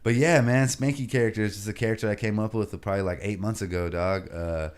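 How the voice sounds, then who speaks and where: A man's voice: lowish voice, fairly even intonation, quick pace, smooth. A man talking as a podcast guest, a comedian telling stories in a laid-back, slangy way and leaning on "you know what I mean" and "bro" as he goes. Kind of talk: casual storytelling chat.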